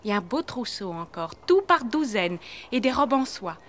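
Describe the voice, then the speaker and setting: A woman's voice: fairly high pitch, very animated, moderate pace, slight background noise. An imploring young mother. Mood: pleading. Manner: earnest, imploring. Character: poor young widowed mother, pleading and earnest. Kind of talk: audio drama acting.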